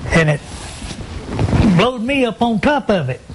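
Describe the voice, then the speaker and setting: A man's voice: very high voice, very animated, unhurried, background noise. An elderly American man, an old veteran remembering the war in plain, folksy, repetitive phrases. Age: 80s. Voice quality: creaky aged voice.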